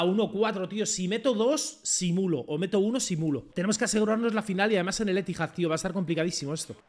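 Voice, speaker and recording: A young man from Spain, commentating his own football game run with excited swearing and rants. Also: high-pitched. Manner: excitable, swears a lot, talks to the referee and coach. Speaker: gaming streamer. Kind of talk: live gameplay commentary.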